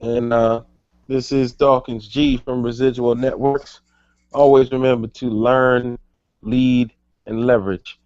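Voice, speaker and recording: Measured male speaker, dry, muffled call audio. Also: medium pitch, flat delivery, darkish tone, no room sound. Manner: measured, with "uh" and "um" fillers. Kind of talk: motivational sign-off.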